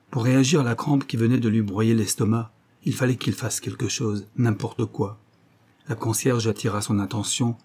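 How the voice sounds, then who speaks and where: Male audiobook narrator, low dark voice, measured and grave. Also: breathy edge.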